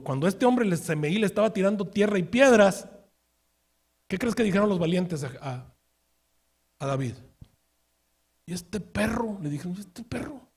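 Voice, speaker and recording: A man preaching a sermon as pastor, telling a story with rhetorical questions and acted-out quotes, swinging from quiet asides to loud outbursts. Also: on the high side.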